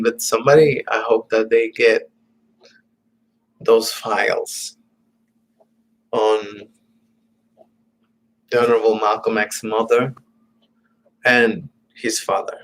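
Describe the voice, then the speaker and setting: A man talks to his camera in a loose, meandering monologue at a very slow, unhurried pace. He stops and restarts often and trails off into quiet, whispered asides. His voice sits at an ordinary middle pitch. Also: steady tone, poor audio. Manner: halting, meandering, many fillers and restarts; drops to muttered, whispered asides. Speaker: vlogger. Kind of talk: casual rambling monologue.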